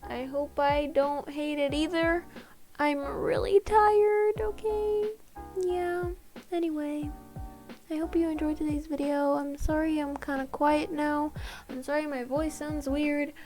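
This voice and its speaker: A tired young woman with a high, slightly raspy voice records a casual voiceover for a speedpaint on her art channel, speaking flatly and unhurriedly. She rambles, apologizes and puts herself down, while loud background music plays under her voice.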